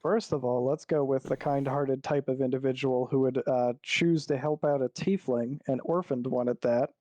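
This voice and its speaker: A man's voice: mid-range voice, fairly even intonation, moderate pace, darkish tone, no echo. A man running a tabletop game as game master over a voice call, thinking aloud with many fillers. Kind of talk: narrating a tabletop game online.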